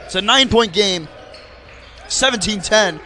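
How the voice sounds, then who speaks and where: A young man calling basketball play by play in a rapid, auctioneer-like patter that rises on big plays. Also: sits high, expressive, sharp tone, slight background noise. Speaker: play-by-play commentator.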